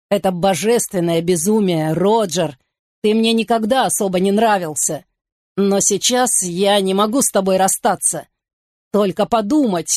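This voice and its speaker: A woman's voice: medium pitch, no echo, studio quality, lightly acted. Woman voicing a frantic lovesick young man. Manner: excited, pleading outbursts. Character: agitated young man in love, pleading.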